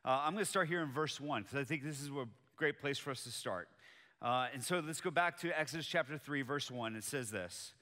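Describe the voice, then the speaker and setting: A man from Colombia, a native Spanish speaker, preaches to a church congregation in a chatty, personal tone. His voice is bright and forward. The sound carries a long hall reverb. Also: medium pitch, a little fast. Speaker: pastor. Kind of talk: sermon. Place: church auditorium with live audience.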